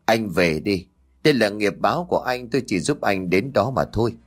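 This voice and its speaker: A man's voice: lowish voice, animated, brisk. A man voicing a stern, aloof old male sorcerer speaking curtly. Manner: curt, stern.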